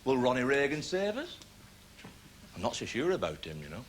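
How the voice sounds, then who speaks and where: A male stand-up comedian, telling a story in a wry, deadpan way. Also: medium pitch, normal speed, a little hiss or hum. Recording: live stage mic, loud crowd laughter.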